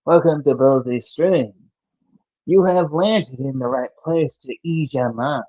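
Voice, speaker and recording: A man's voice: medium pitch, measured pace, mellow, no room sound. A young man from the American South chatting on his live stream, rambling with many restarts as he reads and answers viewers' chat. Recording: dull dry home mic.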